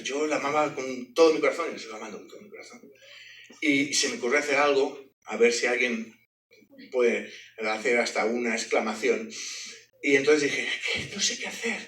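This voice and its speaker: A man giving his testimony as a sermon, telling it with jokes and sound effects. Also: fairly high pitch. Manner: animated, joking storyteller with sound effects. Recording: echoey hall, mic from a distance.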